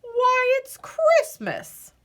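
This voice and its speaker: A woman voicing a gigantic, jolly, kindly old Santa in a storybook, with a drawn-out, jovial delivery. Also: very high voice, huge pitch swings, fairly bright tone, pitched above the performer's own voice, full character voice.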